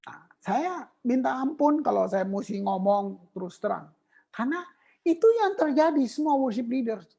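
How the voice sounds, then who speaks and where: A woman preaching a sermon on worship, emphatic and animated, mixing in English terms. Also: a little high, moderate pace, vocal fry, breathy edge.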